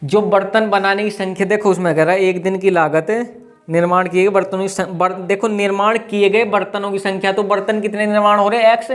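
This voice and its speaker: A high-voiced man teaches a math class with a tinge. He works through each step aloud and keeps asking his students questions. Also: little pitch movement, brisk. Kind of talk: classroom lesson.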